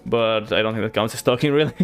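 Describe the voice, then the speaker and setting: Over soft background music, a man from Bulgaria talks fast in a lowish voice with a light Bulgarian accent. He's streaming, chatting casually with viewers and reasoning aloud while he plays.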